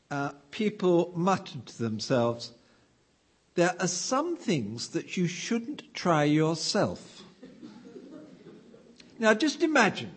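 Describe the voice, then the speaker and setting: A man's voice: on the high side, slightly rough. A man giving a sermon in a conversational way, asking the listeners questions and telling a story. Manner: conversational, asks the room questions. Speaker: preacher.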